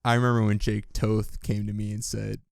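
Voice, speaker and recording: A man from the Midwest hosting a podcast, chatting casually with a relaxed, curious manner and casual swearing. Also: on the low side, brisk, gravelly, no echo, clean studio sound. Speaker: podcast host. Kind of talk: casual chat.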